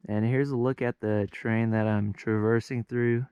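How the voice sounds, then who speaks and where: A man's voice: mid-range voice, steady tone, moderate pace, warm tone, clean tone, no room sound. A young man talking casually to camera as he hikes outdoors on a mountain slope, explaining what he finds as he goes. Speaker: outdoor explorer and vlogger. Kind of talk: casual narration to camera while hiking.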